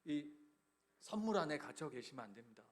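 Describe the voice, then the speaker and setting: Male preacher, fairly high voice, delivers a church sermon with a storyteller's swings from forceful emphasis down to a hush. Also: sing-song, a little fast. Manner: storytelling preacher swinging from loud emphatic bursts to hushed near-whispers. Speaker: pastor. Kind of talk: Christmas sermon. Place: church sanctuary.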